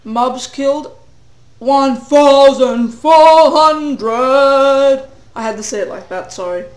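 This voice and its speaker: A reverberant space carries a teenage boy's very high-pitched voice at a slow pace as he games. He has a cold and is getting hoarse, rambling in a self-deprecating way with sing-song asides.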